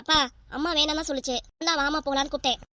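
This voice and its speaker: A woman's voice: high-pitched, level tone, very fast, pushed and bright, dry recording, clean studio sound. A woman voicing a young adult daughter in a cartoon, pleading with her angry father and then defying him. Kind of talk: cartoon voice acting.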